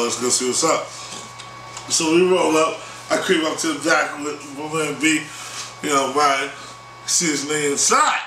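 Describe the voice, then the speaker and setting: A man's voice: fairly high pitch, pushed and bright, roomy sound, far from the mic, a little hiss or hum, low-quality recording. Slangy, laughing man telling a street story.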